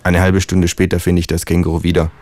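A man reading out his own comic story in a deadpan, matter-of-fact way. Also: low-pitched, fast talker, slight background noise.

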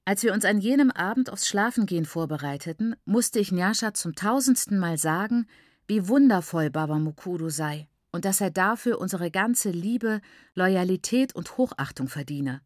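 A woman reading a first-person novel aloud in a calm, even narration. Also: mid-range voice, moderate pace, no room sound. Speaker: audiobook narrator. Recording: dry close studio recording.

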